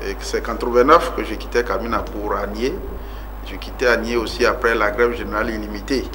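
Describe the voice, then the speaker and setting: A man in his forties from Togo talks through his life story as a guest on a television interview. His voice is bright and forward, his delivery earnest and emphatic, broken by frequent filler sounds and pauses. A faint hiss sits behind him. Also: lowish voice, fairly even intonation. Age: 40s. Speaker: guest politician.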